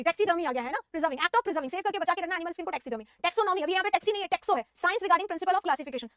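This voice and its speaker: A woman teaching vocabulary in Hindi. She reads definitions slowly and keeps asking and answering her own questions. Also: extremely high pitch, a bit bright, dry recording, studio quality. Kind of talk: vocabulary lesson.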